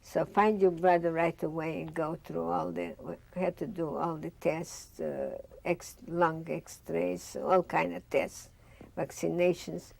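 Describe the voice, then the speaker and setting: An older woman from Bessarabia with a Russian accent tells her life story in an oral history interview, seated in a studio before a dark curtain, acting out remembered dialogue. Her voice sits low with little pitch movement, a slow pace, vocal fry, and a darkish tone.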